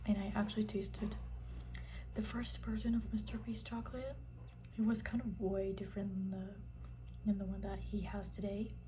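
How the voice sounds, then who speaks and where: A young woman in her late twenties chats casually in an intimate, breathy ASMR whisper, close to the ear in a rambling, informal way. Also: mid-range voice, flat delivery, normal speed, mellow, slight background noise. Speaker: ASMR content creator.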